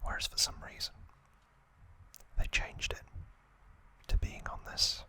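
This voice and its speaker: The speaker is a man running an ASMR video, giving a recap in a soft, airy, unvoiced whisper of short, pause-separated phrases.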